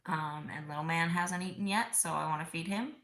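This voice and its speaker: A woman's voice: low voice, brisk, echoey room. A woman streaming from home, chatting casually with her child and viewers, tired and yawning. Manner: tired, yawning, soft-spoken. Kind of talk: casual live stream chat.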